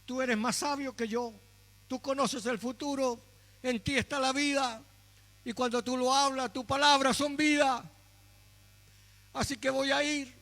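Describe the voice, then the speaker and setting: A man's voice: very high voice, fairly even intonation, a little slow, long pauses, pushed and bright, voice pushed up, heavily acted. A man voicing a reluctant, grumbling prophet who complains while giving in, recorded in an echoey hall with a faint hum.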